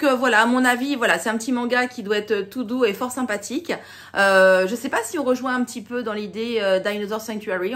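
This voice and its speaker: A middle-aged woman from France, chatting casually and animatedly about books she bought, with many fillers. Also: mid-range voice. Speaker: author and book vlogger. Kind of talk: casual book haul chat.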